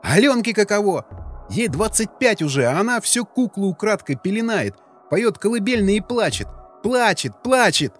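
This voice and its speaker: A man's voice: on the high side, big pitch swings, a little fast, faint music behind, pitched above the performer's own voice. A man voicing a heated, tearful young man who pleads in outbursts. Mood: anguished pleading. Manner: pleading outbursts through tears.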